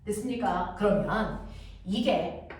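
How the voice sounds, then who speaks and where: Brisk woman science teacher lecturing a class, heard from a distance over noticeable room noise. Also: mid-range voice. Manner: brisk, constantly checks understanding with quick questions. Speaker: middle school science teacher. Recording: echoey classroom from afar, noisy.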